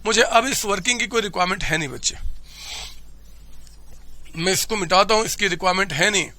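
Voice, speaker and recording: A male commerce teacher giving a classroom lecture, loud and energetic with a sore throat, often shouting and constantly quizzing his students. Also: high-pitched, a little fast. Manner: keeps asking students questions.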